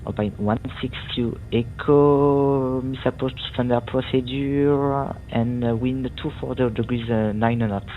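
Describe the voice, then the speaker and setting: A man working as a tower controller, giving instructions over the radio in a halting delivery. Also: mid-range voice, steady tone. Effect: aviation radio transmission. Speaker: air traffic tower controller. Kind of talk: air traffic control radio phraseology. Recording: tinny radio band with faint noise.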